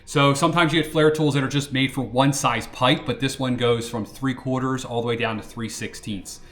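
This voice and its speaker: A man's voice: mid-range voice, steady tone, normal speed, a bit bright. Chatty man demoing a tool. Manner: chatty, checks in with "right?" and "okay?". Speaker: DIY channel host. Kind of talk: casual product demonstration.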